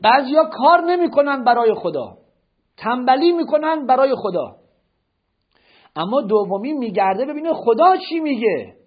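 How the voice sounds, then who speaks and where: A man's voice: very high-pitched, expressive, breathy edge. A man giving a religious lecture, firing rhetorical questions at his listeners and correcting their notes. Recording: dull lo-fi lecture recording.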